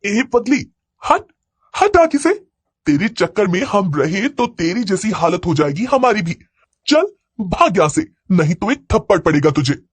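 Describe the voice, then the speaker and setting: A brash, bossy schoolgirl, as a man puts her on, with a high voice that leaps up and down as she snaps and scolds. She is sharp-tongued and impatient, a figure in a storybook tale. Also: very animated, normal speed, slightly rough, heavily acted. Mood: scolding.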